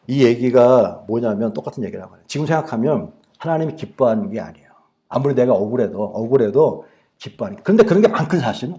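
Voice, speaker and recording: Animated Korean pastor preaching. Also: male voice, mid-range voice. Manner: animated storytelling, acting out his past anger in prayer. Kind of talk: sermon with personal story.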